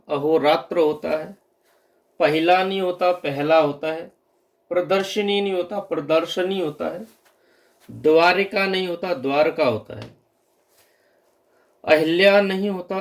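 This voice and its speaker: A man's voice: high voice, creaky. A man giving an exam-prep grammar lesson, patiently repeating wrong and correct word forms. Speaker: teacher.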